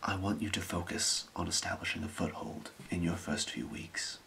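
A man in a whispered role-play, playing a scheming thieves' guild boss with a breathy, creaky whisper and a measured, secretive delivery. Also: low-pitched, pushed and bright, slight background noise, full character voice. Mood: hushed, calculating.

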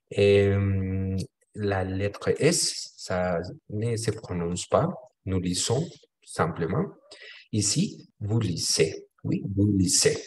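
A Colombian man leads a French lesson, his voice sitting low and steady. He explains each point in French and then repeats it in Spanish, patient and methodical. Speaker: French teacher. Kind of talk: online language class.

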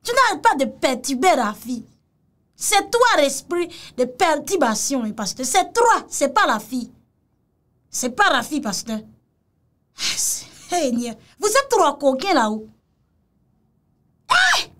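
Woman, mocking reaction commentator; high, very animated delivery. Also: slow, long pauses. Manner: mocking and exclamatory, repeats phrases, mixes in Creole. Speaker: commentator reacting to a video clip.

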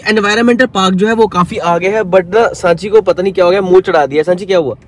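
A young man in his twenties vlogs casually from inside a car, his high voice moving fast as he coaxes and teases his girlfriend before growing exasperated. Faint traffic noise and car and street sounds drift in from outside.

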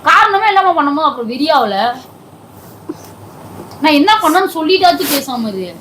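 Woman, nagging and scolding, fairly high voice, faint background hiss. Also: sing-song, moderate pace, fairly bright tone, low-quality recording. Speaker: comedy video creator. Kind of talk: scolding home comedy sketch.

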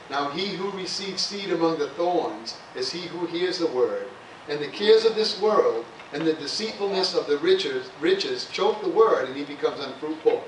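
A man preaching in a church with a slightly high voice and a loose, conversational delivery, often punctuated with "amen" and "hallelujah." The sound is picked up from a distance in a roomy sanctuary, with a faint hiss underneath. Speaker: pastor. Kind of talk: sermon. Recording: echoey church room, voice from far off, faint hiss.

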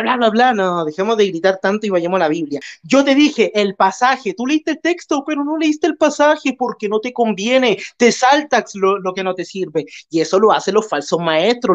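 A man in an online debate, mocking and scolding, firing rhetorical questions. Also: extremely high pitch. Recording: dull lo-fi call audio.

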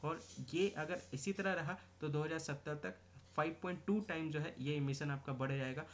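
A man's voice: fairly high pitch, fairly even intonation, normal speed, a little hiss or hum. A man giving an exam-prep current affairs lecture, explaining news in a mix of Hindi and English terms with many repeated phrases.

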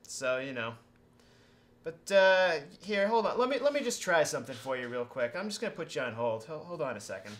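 A man's voice: fairly high pitch, very animated, a little fast, a little hiss or hum. A young man playing a plumber in a comedy sketch, talking matter-of-factly on the phone in a small office. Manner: matter-of-fact, with loud shouting outbursts. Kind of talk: deadpan comedy sketch acting.

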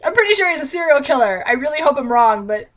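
Recorded on a webcam in a small bedroom, a young woman reads from a book and ridicules it with sarcastic, exasperated, theatrical remarks. Her high voice swings widely in pitch, and she talks fast.

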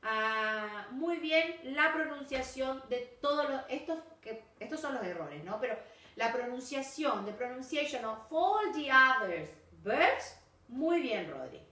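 A woman's voice: high-pitched, big pitch swings, takes it slowly, sharp tone. A woman English teacher with a Rioplatense Spanish accent, giving corrective feedback in a recorded video class and switching between Spanish and English. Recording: echoey room, voice from far off.

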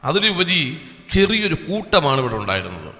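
Bright-voiced man testifying in a hall. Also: a little high, big pitch swings. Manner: earnest storytelling with long pauses. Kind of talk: personal testimony at a church service. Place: small church hall. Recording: echoey hall reverb.

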